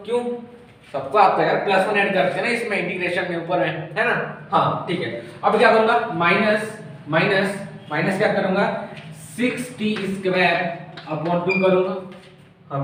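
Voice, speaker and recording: A man's voice: high-pitched, a bit bright, recorded from a distance. Man tutoring in a very echoey room. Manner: chatty, asks and answers his own questions; calls the viewer brother, very familiar. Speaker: physics tutor. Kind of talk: informal exam-prep lesson. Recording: echoey room, faint room noise.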